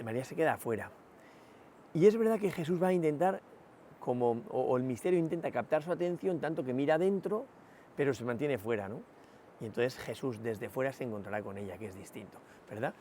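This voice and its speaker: Reflective priest. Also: male voice, medium pitch, fairly quick, warm tone, a little hiss or hum. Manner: reflective, many rhetorical "¿no?" asides and hesitations. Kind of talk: spoken meditation, sermon.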